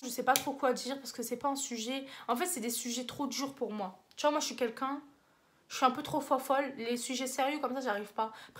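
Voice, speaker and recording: A young woman chats to camera with a French accent, rambling through slangy advice and teasing herself along the way. Her voice sits a little high and the words tumble out fast. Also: a bit bright. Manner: rambling, slangy, self-mocking. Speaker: vlogger. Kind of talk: casual advice vlog.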